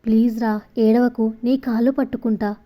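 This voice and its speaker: A woman's voice: fairly high pitch, level tone, normal speed, mellow, close to an everyday voice. A woman voicing a devoted young man who pleads earnestly and tenderly with the woman he loves. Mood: soothing.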